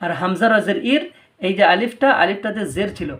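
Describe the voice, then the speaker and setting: A man's voice: high-pitched, brisk, a bit bright. A man with a Bangladeshi Bengali accent teaching Quran recitation rules in a patient tutorial, repeating each rule twice. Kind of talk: step-by-step tutorial lesson.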